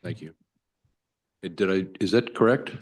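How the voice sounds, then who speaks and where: Lowish-voiced man chairing a meeting. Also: normal speed, darkish tone. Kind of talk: informal procedural remarks.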